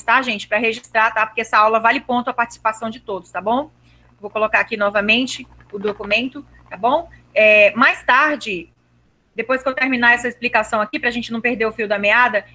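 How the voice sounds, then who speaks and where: A woman teaching a live online grammar lesson over a video call, patient, repeating herself and checking that her students understood, and drawing out verb endings slowly. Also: fairly high pitch, pushed and bright. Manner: slows down to stress verb endings.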